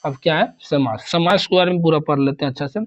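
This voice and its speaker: A man's voice: fairly high pitch, fast. A man teaching an exam revision grammar lesson, rattling off examples one after another and repeating terms.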